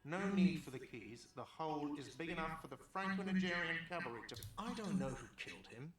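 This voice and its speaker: Whiny grumbling café manager. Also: male voice, on the high side, expressive, brisk, a bit bright, heavy reverb, distant mic. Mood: irritable. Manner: defensive and grumbling.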